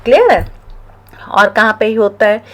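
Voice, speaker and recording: A woman's voice: medium pitch, animated. A woman with an Indian accent teaching a grammar lesson, explaining step by step and checking in often with her listeners. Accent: Indian English. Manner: explains slowly with frequent check-ins, reads English examples very slowly. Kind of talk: classroom-style grammar lesson.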